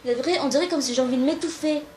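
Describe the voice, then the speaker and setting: A woman's voice: high-pitched, fast, warm tone. A young woman talking casually to camera and giving amateur singing tips, informal and a little hesitant, with frequent fillers.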